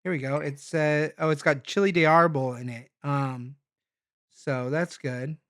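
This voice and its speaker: A somewhat high-voiced man talking his way through a hot sauce taste test. He rambles and thinks aloud, filling the gaps with frequent ums and restarts in a loose, casual vlog manner. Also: steady tone, measured pace, a bit bright. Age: adult parent.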